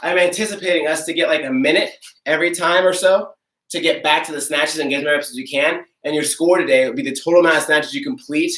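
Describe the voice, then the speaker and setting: A man's voice: on the high side, fast talker, fairly bright tone. A young man coaching an online workout, out of breath as he explains and demonstrates the moves in an upbeat, casual way. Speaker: fitness coach. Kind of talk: live online workout instruction. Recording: roomy echo, from far off.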